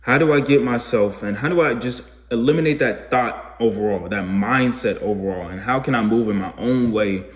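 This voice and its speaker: A man in his twenties, a vlogger, talks at a moderate pace with almost no pauses, his medium-pitched voice sounding roomy. He reflects casually on his life choices in a rambling, self-questioning way, repeatedly restarting what he's saying.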